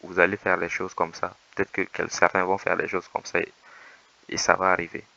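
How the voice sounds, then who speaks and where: A man with a low, creaky, fairly monotone voice gives patient voice-over advice as a dating coach. His tone is bright and edgy despite the depth, and the recording sounds a little dull and lo-fi. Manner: measured, reassuring, explanatory. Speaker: dating coach commenting on footage. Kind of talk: calm voice-over commentary.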